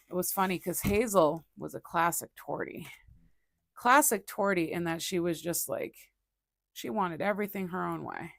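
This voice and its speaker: A woman's voice: mid-range voice, no echo. A woman hosting an art livestream, telling stories in casual chat while she draws, rambling with many fillers and restarts.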